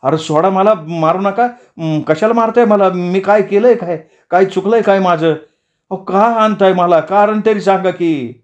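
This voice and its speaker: A man's voice: high voice, measured pace, hardly any pauses, warm tone, pitched above the performer's own voice. A man doing a terrified, pleading young schoolteacher. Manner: pleading, frantic. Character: frightened young male village schoolteacher, pleading. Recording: dull lo-fi recording.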